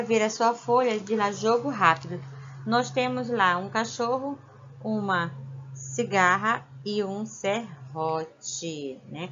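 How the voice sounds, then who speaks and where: A woman's voice: mid-range voice, fairly bright tone, lo-fi sound, slight background noise. A woman teacher with a Brazilian Portuguese accent, patiently walking young children through a worksheet and checking in with "né?" after each point. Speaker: primary school teacher. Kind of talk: remote lesson explaining a worksheet.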